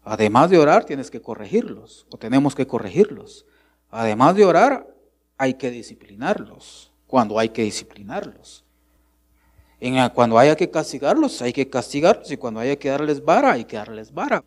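A middle-aged Guatemalan man preaches with a voice that swings widely in pitch. His tone is emphatic and pleading. He keeps turning to his listeners as brothers. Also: big pitch swings, normal speed, breathy edge. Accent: Guatemalan Spanish. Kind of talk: sermon.

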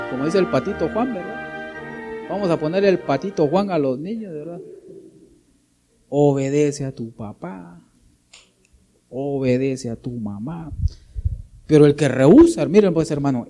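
A man's voice: fairly high pitch, mellow, breathy edge. A man preaching a sermon, addressing his listeners directly and often asking them to agree. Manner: talks straight to listeners, keeps asking for agreement and calling them brother.

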